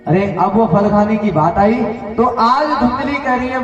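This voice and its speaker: A woman storyteller narrating a devotional scripture story in a lively, dramatic way and speaking to her devotees. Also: fairly high pitch, moderate pace. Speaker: religious storyteller. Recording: echoey hall from far off, dull sound, music behind.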